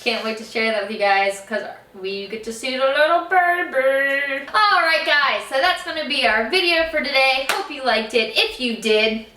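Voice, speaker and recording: A woman's voice: sits high, normal speed, hardly any pauses, sharp tone, slight background noise. A young woman chatting casually as a family vlogger, recorded in an echoey room at some distance from the mic. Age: young adult. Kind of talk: casual chat to camera and on calls.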